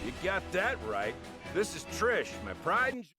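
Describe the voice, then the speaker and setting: A man voicing a gruff, boastful bandit king and proud father in a video game. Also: high-pitched, wildly swooping pitch, a little slow, heavily acted. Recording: loud game music underneath.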